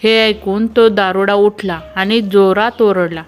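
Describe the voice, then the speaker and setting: A woman with a Marathi accent reads a string of jokes in a mid-pitched, even voice. She slips into quick voices for the characters and lets out small laughs at the punchlines. Faint music plays underneath. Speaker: joke narrator. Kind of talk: reading jokes aloud.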